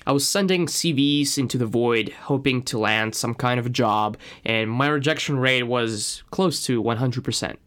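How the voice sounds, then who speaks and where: A man's voice: medium pitch, normal speed, few pauses, fairly bright tone. A man from Russia with a Russian accent and native Russian, speaking as a podcast host in an earnest, personal scripted monologue.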